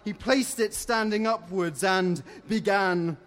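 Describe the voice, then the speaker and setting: A man narrating a fairy-tale story in a measured, rhyming way. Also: sits high, a bit bright.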